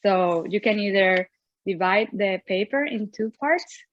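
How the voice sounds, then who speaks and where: An art teacher, a young woman and native Spanish speaker with a Venezuelan accent, leads an online drawing lesson in a cheerful way, laughing frequently. She sounds expressive and unhurried in a mid-range voice. The recording has no echo but dull audio.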